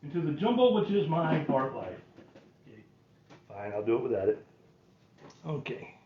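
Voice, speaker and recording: A man's voice: a little high, sing-song, normal speed, distant mic. A folksy man in his sixties giving a casual painting tutorial, talking to himself and poking fun at himself as he works. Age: 60s. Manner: folksy, self-deprecating, muttering to himself. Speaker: painting demonstrator. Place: small curtained indoor painting space. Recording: roomy, dull sound with faint noise.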